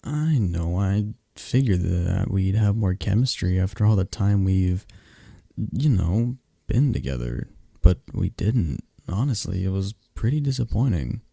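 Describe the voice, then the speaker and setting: A young man's deep, gravelly voice has a breathy edge and a measured pace, recorded with no room sound. In this scripted ASMR roleplay, he plays a close friend and talks chattily to a listener who never speaks.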